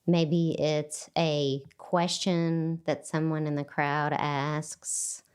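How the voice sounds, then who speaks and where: Low-voiced, unhurried woman hosting an interview. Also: clean tone. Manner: calm, gives frequent short affirmations. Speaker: podcast host.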